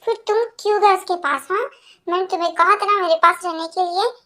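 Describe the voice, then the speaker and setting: A woman voicing a hot-tempered, possessive young man in an amateur fan dub, speaking angrily and forcefully. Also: very high voice, slow pace, pitched below the performer's own voice, exaggerated voice. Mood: angry. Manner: angry, forceful, then pleading.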